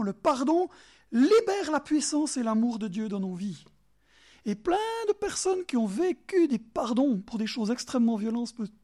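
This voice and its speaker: A man with a Bernese Jura French accent preaching a sermon, emphatic and animated, speaking straight to his listeners and sometimes dropping to soft asides. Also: very high-pitched. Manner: talks directly to listeners in second person.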